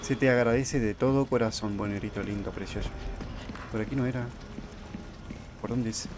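A man casually commenting on his own video game playthrough, excitable and quick to yell in panic when things go wrong. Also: mid-range voice, music in the background. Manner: excitable, yells in panic during fights, talks to the character. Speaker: gameplay commentator. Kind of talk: casual let's-play commentary.

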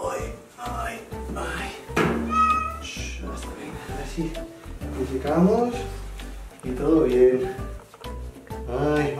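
A man's voice: a little high, darkish tone, far from the mic. A young man, talking casually in a home vlog while soothing and coaxing a pet. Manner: coaxing, soothing talk to a pet, with sudden pleading outbursts. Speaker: vlogger. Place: home bathroom. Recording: roomy echo, away from the mic, music behind.

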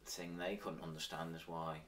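A man with a Manx accent talks in a casual interview. His voice is low, and he sits a bit away from the mic. He phrases things loosely and informally, like someone recalling old times. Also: level tone, normal speed, fairly bright tone, distant mic. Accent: Manx, Isle of Man. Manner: informal, with frequent "sort of" and "like". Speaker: interview guest, former professional cyclist.

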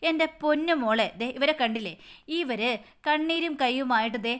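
A woman's voice: high voice, normal speed, a bit bright, clean tone. Woman voicing Mahadevan, a coaxing family elder. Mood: reassuring. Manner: coaxing, reassuring. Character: middle-aged man, confident family elder.

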